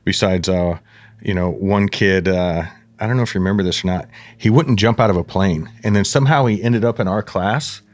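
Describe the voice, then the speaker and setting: A man's voice: low voice, a little fast. A man hosting a casual interview podcast, rambling and chiming in with short affirmations. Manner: rambling, many fillers and affirmations. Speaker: podcast host.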